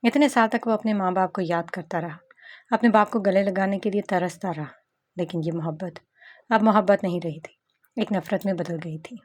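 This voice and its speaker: A woman's voice: medium pitch, normal speed, a little mellow. Woman narrating a romance novel.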